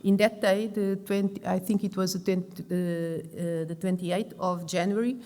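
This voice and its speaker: A middle-aged Portuguese woman who works as a lung and intensive care doctor gives a conference talk in Portuguese-accented English, often halting and restarting her words. Her voice is fairly low, mellow and fairly even in intonation, with long reverb from a large conference hall.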